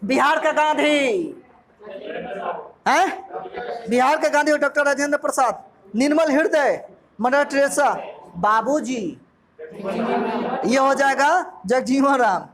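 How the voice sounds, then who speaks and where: In a classroom full of students, a man from Bihar, India, a coaching teacher with a Bihari accent, leads a jokey quiz revision and questions his class. His pitch is extremely high, his pace slow with long pauses. The noisy, crowded room carries crowd noise from the students.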